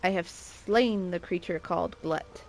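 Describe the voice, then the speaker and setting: Woman streaming a game, chatty and jokey, bit of fry, takes her time. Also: fairly low pitch, measured pace, darkish tone, soft background music. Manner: chatty, playful asides. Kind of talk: casual gameplay commentary.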